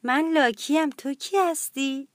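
A small, lonely young creature, voiced by a woman, speaks sweetly and simply, like a child. The high voice is recorded dry and close. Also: dry recording, lightly acted. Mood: childlike. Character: lonely little young storybook creature seeking friends.

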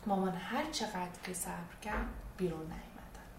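A woman narrating a children's storybook in a soft, expressive way. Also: lowish voice, a little hiss or hum. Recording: echoey room, distant, faint music.

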